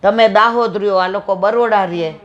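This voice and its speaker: A woman's voice: mid-range voice, a little fast. A woman from Saurashtra with a Saurashtra Gujarati accent, giving a devotional satsang talk at home and acting out the dialogue of her stories with affection. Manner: animated storyteller, acts out dialogue, affectionate devotional tone. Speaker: satsang speaker. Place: home room with visiting devotees. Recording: dull lo-fi recording.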